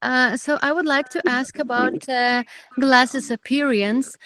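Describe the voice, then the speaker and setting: A woman's voice: sits high, steady tone, measured pace, a bit bright, no room sound. A woman from Lithuania with a Lithuanian accent, asking a hesitant question in non-native English. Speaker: webinar participant asking a question.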